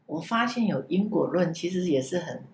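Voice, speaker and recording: A woman telling a personal story in a casual podcast chat, halting and repeating words as she goes. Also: fairly low pitch, expressive. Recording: roomy echo, faint background hiss.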